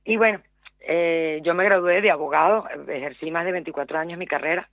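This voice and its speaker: A middle-aged Venezuelan-accented woman, a small business owner guesting on a radio interview, speaks hesitantly with many fillers and repeated words. Her lowish voice is fairly quick, heard over a dry, tinny phone line.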